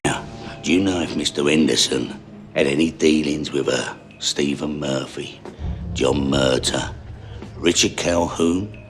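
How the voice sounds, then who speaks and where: Measured detective, super deep, music under it. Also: male voice. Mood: probing. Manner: deliberate, measured questioning. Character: slow-spoken questioning detective.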